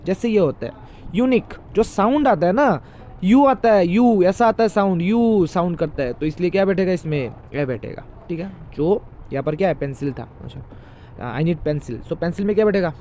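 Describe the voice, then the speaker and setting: A man's voice: sits high, animated, normal speed, mellow, a little hiss or hum. A man teaching English grammar in a classroom style, explaining and quizzing the listener with repeated questions.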